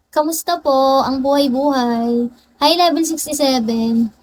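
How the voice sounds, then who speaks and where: A woman's voice: high-pitched, slow pace, darkish tone, a little hiss or hum, low-quality recording. A young woman live streaming on her phone, playfully greeting and teasing her viewers by name in casual chat. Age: young adult.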